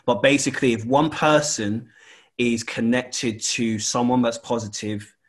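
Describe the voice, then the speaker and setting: A man's voice: medium pitch, steady tone, unhurried. A man chatting casually in an exasperated way, repeating his points for emphasis. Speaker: school or college staff member. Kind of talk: casual chat.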